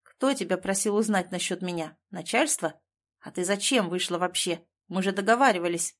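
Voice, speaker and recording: A woman's voice: lowish voice, normal speed, lightly acted. A woman reading the lines of a stubborn, bitter man who speaks curtly. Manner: curt, bitter.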